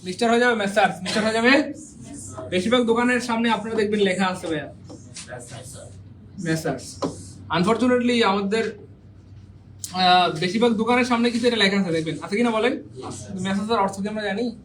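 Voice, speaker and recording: A man's voice: high-pitched, brisk, long pauses, background noise. A male teacher, leading an exam-prep grammar class and quizzing students with repeated questions and jokes.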